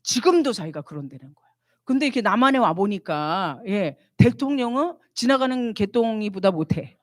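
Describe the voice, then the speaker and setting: Woman missionary lecturing, lively up-and-down pitch, quizzes the audience, dry close mic. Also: normal speed, no echo. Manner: animated teaching, asks the audience questions and answers them herself. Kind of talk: church retreat lecture.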